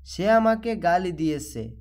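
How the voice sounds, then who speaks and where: A man with a Bangladeshi Bengali accent teaching a language lesson, repeating each phrase slowly and deliberately. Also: high-pitched, very animated, a little mellow. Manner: slow, repetitive drilling of phrases. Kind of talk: slow spoken language lesson.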